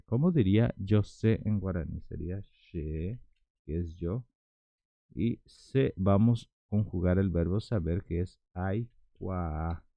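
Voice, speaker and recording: A man teaching words in a lesson, repeating each one slowly and patiently and stretching the pronunciation. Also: low-pitched, no room sound, muffled recording. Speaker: Guarani language teacher. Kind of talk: slow repetitive language lesson.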